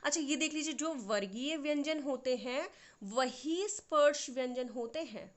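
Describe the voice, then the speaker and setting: A woman with a fairly high voice teaches a lesson at an unhurried pace. She explains patiently, one step at a time, and keeps checking that her listeners follow. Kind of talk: classroom lesson.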